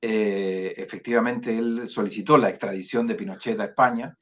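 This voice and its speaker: A foundation director from Chile is the guest in an online interview, speaking in a somewhat low voice with fairly even intonation. He's measured and hesitant, filling his speech with fillers and restarts. The audio sounds dull.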